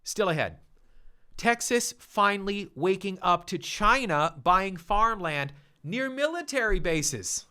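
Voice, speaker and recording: A man's voice: high-pitched, animated, takes it slowly, pushed and bright, clear, resonant tone. A man hosting his own opinion show, delivering emphatic, indignant commentary with punchy repetition. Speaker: show host.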